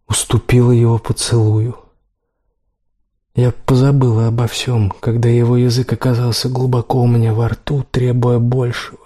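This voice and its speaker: A man reading a first-person romance novel aloud, slow and measured. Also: mid-range voice, warm tone. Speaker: audiobook reader.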